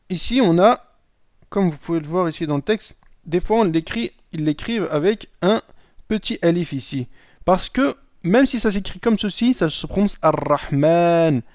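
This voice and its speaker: Guy teaching a lesson, kinda high voice, keeps asking "d'accord?", dead dry sound. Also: a little mellow, no echo. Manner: checks in with "d'accord?" often. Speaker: Arabic teacher. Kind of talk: explaining a lesson.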